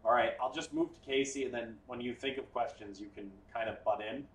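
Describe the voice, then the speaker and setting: Acting as game master, a man narrates a tabletop game in a casual, explanatory way. His mid-range voice is fairly quick and fairly bright, recorded far from the mic in an echoey room.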